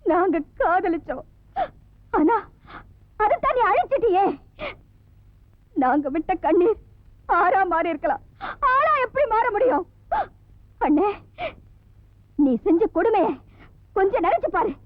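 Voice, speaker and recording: A woman's voice: very high voice, expressive, moderate pace, pauses often, dry recording. An actress playing a desperate young married sister, pleading tearfully with her elder brother in a film melodrama. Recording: dull lo-fi film soundtrack with music.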